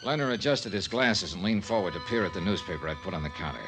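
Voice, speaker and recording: This deep-voiced man talks fast and lightly acts the part of a wry, dogged insurance investigator who is both narrator and lead detective. The style is clipped 1950s radio drama, punchy and conversational, with a wry, measured mood. Music plays behind him in an old-time radio recording.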